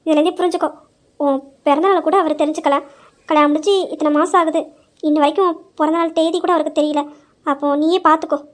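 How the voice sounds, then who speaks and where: A young woman with a very high voice talks quickly, pushing her point over and over in a dramatized story. She sounds insistent and persuasive. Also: fairly even intonation. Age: young adult.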